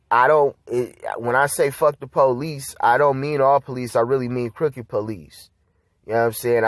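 Man, heated profane podcast rant, mid-pitched voice, dry close recording. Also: no echo. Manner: heated, profane, street slang. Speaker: podcast host. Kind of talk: casual political commentary monologue.

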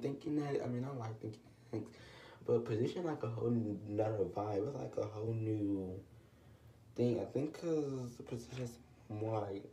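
In this at-home vlog, a teenage boy talks to the camera casually and rambles, with a stutter that leads to restarts and frequent fillers. His voice is male, medium in pitch and dark, sitting far from the mic. The low camera in the small room gives a roomy echo and off-mic sound.

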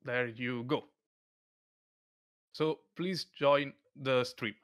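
A man hosting an online music event in a casual, laid-back way, often pausing with filler sounds. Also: mid-range voice, fairly even intonation, fairly bright tone, clean tone, no echo, studio quality. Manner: hesitant, with many filler sounds.

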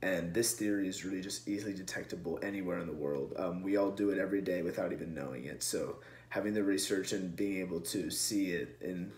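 A young man giving an earnest class presentation, speaking close to a camera in a small room and filling pauses with many ums. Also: sits low, steady tone, darkish tone, reverberant. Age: young adult. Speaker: student presenter. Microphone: camera close in front.

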